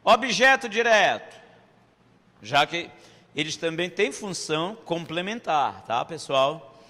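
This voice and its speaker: Lively high-voiced Brazilian man teaching. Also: takes it slowly, in a large hall. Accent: Brazilian Portuguese. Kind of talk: online exam-prep grammar lesson.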